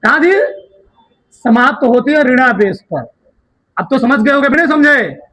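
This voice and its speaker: Male teacher, very high voice, sharp tone, dictating notes, repeats key words, quizzes the class. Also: lively intonation, normal speed, low-quality recording.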